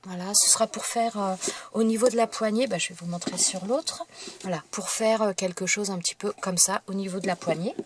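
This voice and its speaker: A woman talks through a crafting tutorial in a casual, unhurried manner, often pausing to find the right word as she works. Her voice sits at an ordinary middle pitch. Clear clicking noises run under the recording. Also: fairly even intonation, slight background noise. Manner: unhurried, talks while working, searches for words. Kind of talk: casual step-by-step demonstration.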